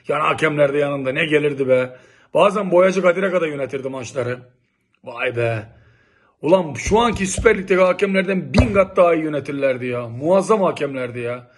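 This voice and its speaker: A middle-aged man from Turkey telling old local stories in a lively, exclamatory, casual way. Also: fairly high pitch, fairly quick. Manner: animated, exclamatory, lively storytelling. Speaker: local vlogger reminiscing. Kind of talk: casual nostalgic monologue.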